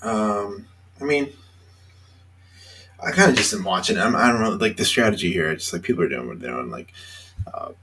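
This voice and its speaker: A tired man hosting a casual solo reaction show, rambling with lots of fillers and pauses between thoughts. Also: lowish voice, lively intonation, bright, forceful tone, a little hiss or hum. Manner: rambling, hesitant, many fillers. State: tired, yawning. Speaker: reality TV reaction host.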